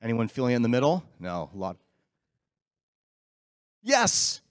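A man's voice: medium pitch, huge pitch swings, measured pace, no echo, clean studio sound. A man hosting an open-mic event in a large council chamber, upbeat and joking with the crowd, speaking into a handheld mic. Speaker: event host.

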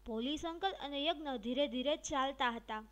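High-voiced woman reading a story. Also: moderate pace, fairly bright tone. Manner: reads dialogue with light expression; addresses young pupils directly. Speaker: teacher reading a textbook story. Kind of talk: storybook read-aloud for children.

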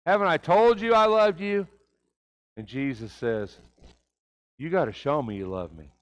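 A man's voice: on the high side, unhurried, highs cut off. An older man preaching a conversational sermon in a church sanctuary, asking the congregation rhetorical questions.

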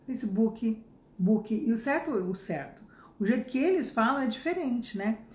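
A Brazilian woman in her fifties, an English teacher, gives a casual spoken lesson with a slightly high, animated voice at a moderate pace. She is chatty and emphatic, tossing in lots of tag questions, and her Brazilian Portuguese accent comes through in a roomy-sounding recording.

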